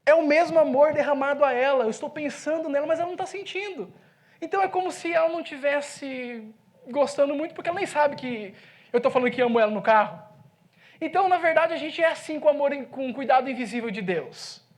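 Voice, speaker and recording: A man with a Brazilian accent, a pastor preaching in a church, telling a story with lively swings from loud to hushed speech. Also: extremely high pitch, quick pace. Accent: Brazilian Portuguese. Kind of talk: sermon storytelling. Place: church sanctuary.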